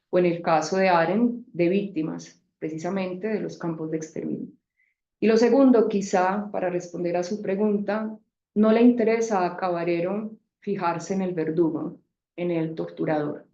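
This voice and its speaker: A woman speaker answering a question in an academic seminar, measured and explanatory. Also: on the low side, dark tone. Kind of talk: academic reply in a debate. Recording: echoey room, dull sound.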